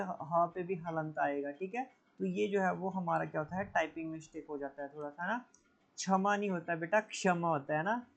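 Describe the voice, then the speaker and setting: A man teaching an exam prep lesson, calling students "beta" and repeating each correction with a quick "theek hai". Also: high-pitched, gravelly. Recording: dull lo-fi recording.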